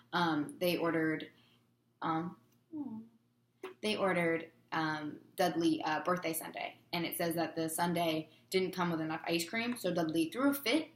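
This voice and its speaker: A woman's voice: lowish voice, echoey room, a little hiss or hum. A woman teacher giving a chatty chapter review for her students, with lots of fillers.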